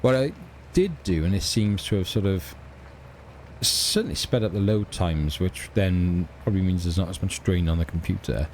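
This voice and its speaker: Here a middle-aged man with a Welsh accent uses a low, expressive, darkish voice at a moderate pace to chat about his game. The let's play commentary is rambling and hesitant with many ums and restarts, plus a little hiss or hum.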